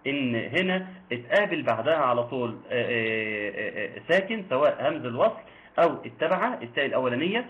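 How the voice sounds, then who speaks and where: A man's voice: mid-range voice, sing-song. Egyptian man teaching recitation over a tinny line. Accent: Egyptian Arabic. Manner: quizzes listeners, then recites verses slowly and drawn out. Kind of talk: online tajweed lesson. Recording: tinny phone-like line with faint noise.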